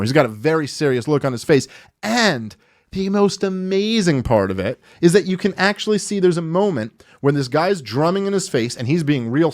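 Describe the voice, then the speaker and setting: A man in his thirties hosting a podcast, ranting in heated, profane, sarcastic commentary and acting out quotes in mocking voices. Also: on the high side. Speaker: podcast host.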